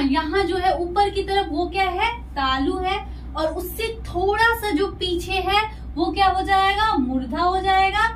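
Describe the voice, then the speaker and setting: A woman teacher giving a lesson step by step, asking herself questions and then answering them patiently. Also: extremely high pitch. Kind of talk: classroom lesson explaining step by step. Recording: echoey room, voice from a distance, faint noise.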